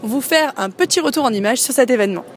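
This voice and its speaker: A young woman presents a student TV show. She sounds upbeat and casual, with a high voice. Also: expressive, quick pace, faint music behind.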